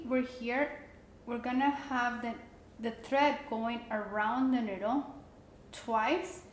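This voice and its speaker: A woman giving a casual step-by-step craft tutorial, talking in a relaxed way with many fillers and restarts. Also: fairly high pitch. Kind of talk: casual how-to instruction. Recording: echoey room with faint background noise.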